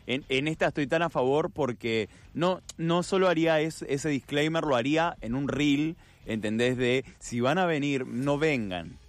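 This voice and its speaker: A man with an Argentine accent, a radio co-host, chatting in an animated, joking way. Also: a little high, normal speed, few pauses, no echo. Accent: Argentine Spanish. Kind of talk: casual radio chat.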